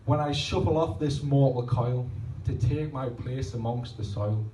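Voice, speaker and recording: Rhymed spoken-word poems come in a rhythmic flow from a man in his 30s, broken up by rambling asides that poke fun at himself. He has a dark, mid-range voice and goes a little slow, recorded live from a distance in a roomy pub function room at a poetry night, with faint ambience.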